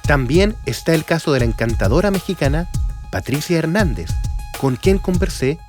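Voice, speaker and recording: A man with a Chilean accent reading scripted documentary narration in a measured, formal way. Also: on the high side. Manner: measured, formal, reads in even sentences. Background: faint music.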